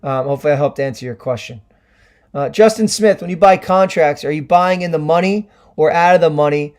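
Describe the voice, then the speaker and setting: Hoarse man explaining trades on a livestream. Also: on the high side, brisk, darkish tone. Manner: chatty, many ums and restarts, explanatory. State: hoarse from screaming at games. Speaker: livestream trading host. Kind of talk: casual Q&A livestream, answering chat.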